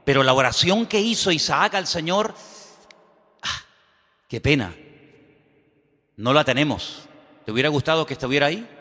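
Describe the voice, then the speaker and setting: A man's voice: on the high side, animated, moderate pace, long pauses, pushed and bright, long reverb tail. A man preaching a sermon as pastor, with rhetorical questions and a fervor that builds.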